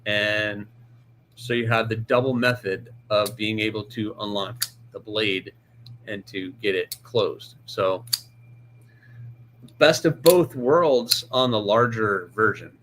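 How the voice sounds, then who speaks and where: A man's voice: on the low side, slow, a bit bright, a little hiss or hum. A man hosting a live stream about pocket knives, chatting casually, greeting viewers by name and restarting sentences as he handles a knife. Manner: handles the knife while talking, restarts often.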